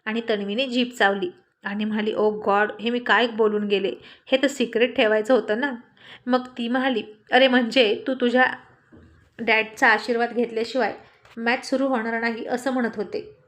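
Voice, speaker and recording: A woman tells a family story aloud, voicing every character herself. Her voice sits a little higher than most, and she keeps the telling light and conversational. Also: steady tone, normal speed. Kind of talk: scripted story narration.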